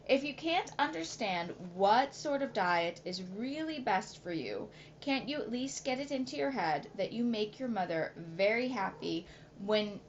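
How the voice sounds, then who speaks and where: A woman's voice: mid-range voice, lightly acted. A woman voicing a father reasoning earnestly and persistently with his son, in a slightly muffled recording with faint hiss.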